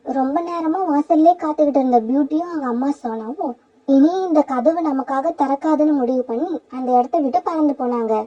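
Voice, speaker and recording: A woman narrating a children's cartoon story in a steady, plain storytelling manner. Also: high voice, fairly quick. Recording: dull lo-fi sound.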